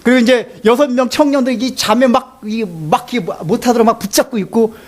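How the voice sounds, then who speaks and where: A man preaching a sermon as a pastor, telling a story in an animated way and often laughing. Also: very high-pitched, a little fast.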